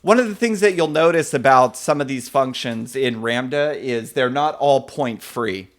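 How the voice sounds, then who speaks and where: A man's voice: mid-range voice, moderate pace. A man teaching programming on a live stream, talking casually with many fillers and chatting with viewers as he codes. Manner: casual, many fillers, reads chat names aloud. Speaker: programming instructor. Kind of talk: live-coding lesson.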